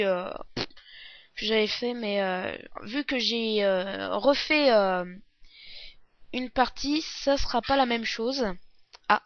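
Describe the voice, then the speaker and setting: Hesitant high-voiced woman with a sore throat. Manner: hesitant, halting, apologetic. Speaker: let's play presenter, beginner. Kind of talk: casual game walkthrough commentary. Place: indoors, recording at a computer. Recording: dull lo-fi close dry mic.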